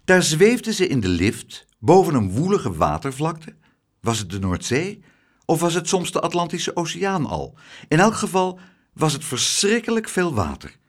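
A man narrating a children's storybook in an expressive, dramatic way. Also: a little high, moderate pace.

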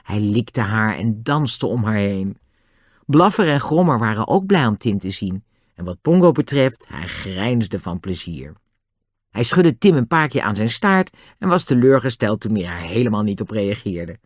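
A narrator reading a children's audiobook in an expressive storytelling manner. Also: medium pitch, a little slow, no room sound, clean studio sound.

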